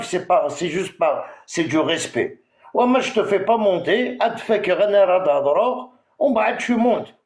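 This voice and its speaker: On his TikTok live, an Algerian host launches into a heated, repetitive rant at someone, hesitating constantly as he confronts them. His voice is high with a darkish tone, and the recording is reverberant.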